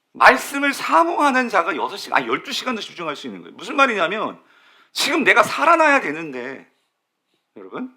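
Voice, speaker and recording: A man's voice: high-pitched, pushed and bright. A male pastor preaching a sermon to his church in a sanctuary, asking the congregation questions, answering them himself and repeating key words for emphasis.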